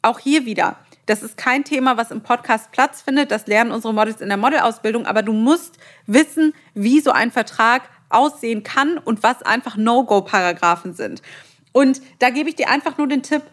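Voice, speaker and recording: A woman's voice: a little high, normal speed. A young adult woman hosting a podcast, giving direct, emphatic advice to aspiring models and repeating her warnings. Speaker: podcast host and model trainer.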